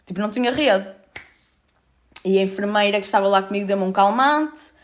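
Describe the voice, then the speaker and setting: A young woman in her twenties speaks with a European Portuguese accent. She talks fast and informally, packing her story with fillers and frequent swearing. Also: medium pitch. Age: 20s. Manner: rapid, filler-heavy, swears freely. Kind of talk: casual personal storytelling.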